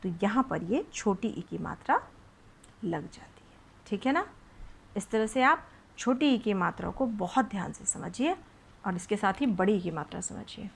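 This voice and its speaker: A woman teaching young children the short and long vowel signs, sounding out syllables slowly and often checking if they follow. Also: mid-range voice, vocal fry, slightly rough. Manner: patient, drawn-out sounding of syllables, frequent "ठीक है?" checks. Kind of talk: children's Hindi phonics lesson.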